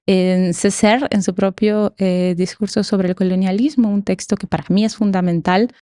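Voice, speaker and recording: A woman's voice: medium pitch, dark tone, no echo, clean studio sound. A woman with a Mexican Spanish accent explaining ideas conversationally as an academic podcast guest, emphatic and given to rhetorical questions.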